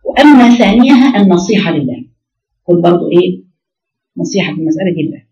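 A woman's voice: on the low side, lively intonation, fast, dark tone. A woman with an Egyptian accent giving a religious lesson to women, asking rhetorical questions and counting out her points. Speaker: religious teacher. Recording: roomy, distant, dull lo-fi recording.

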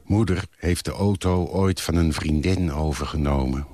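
A man's voice: rumbling low, moderate pace, music in the background. A man reading a literary text aloud in a plain, matter-of-fact way.

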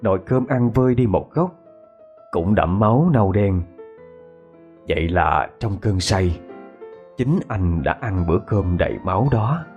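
A man narrating a ghost story in a measured storytelling cadence. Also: deep voice, lively intonation, darkish tone, highs cut off. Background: faint background music.

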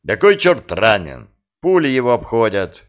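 A man reading the part of a brash, mocking male partisan sergeant who talks loudly and jeers. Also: medium pitch, very animated, moderate pace, muffled recording. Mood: reassuring. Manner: jeering, loud.

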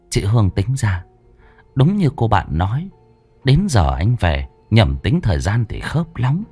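A man narrating a horror story in a slow, dramatic, hushed manner. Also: fairly low pitch. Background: faint music.

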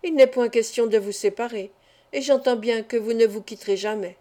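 A woman reading an audiobook, voicing a kind, serious middle-aged male doctor who speaks calmly and in a measured way. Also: on the high side, natural voice. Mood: reassuring.

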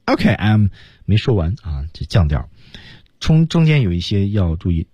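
A man's voice: low-pitched, sing-song, normal speed, mellow, breathy edge, dry recording. A man teaching English on the radio, explaining each example line and then acting it out. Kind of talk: radio language lesson. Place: radio studio. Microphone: studio microphone.

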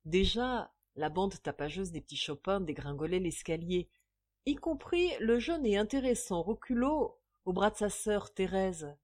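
A woman narrating an old French novel in a measured, expressive storytelling manner. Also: mid-range voice. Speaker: audiobook reader. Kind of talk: scripted narration.

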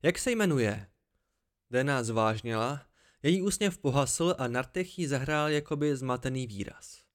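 A man narrating an amateur audiobook in a steady first-person storytelling voice. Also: medium pitch.

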